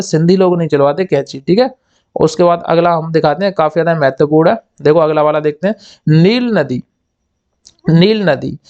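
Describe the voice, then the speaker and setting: Male exam tutor, high voice, repeats and quizzes himself, slightly dull lo-fi audio. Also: a little mellow. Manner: repetitive, asks and answers own questions; acts out little scenes in quoted voices. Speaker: exam coaching teacher. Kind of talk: explaining memory tricks.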